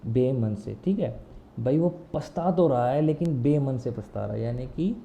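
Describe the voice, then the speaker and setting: Dark-voiced man teaching vocabulary. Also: mid-range voice, animated, moderate pace, creaky. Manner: repeats words many times over; explains memory tricks in simple talk. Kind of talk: vocabulary lesson. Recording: slightly dull with faint noise.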